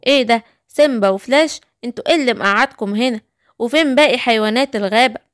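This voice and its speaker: A woman's voice: fairly high pitch, very fast, no echo, studio quality, close to an everyday voice. A woman with an Egyptian accent voicing a curious male superhero who questions what happened. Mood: questioning. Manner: questioning, reasoning.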